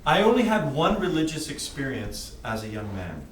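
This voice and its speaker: A man with a Western Canadian English accent giving a personal testimony in short, plain phrases, pausing for translation. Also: on the high side, big pitch swings. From British Columbia, Canada. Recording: distant mic in echoey room, faint noise.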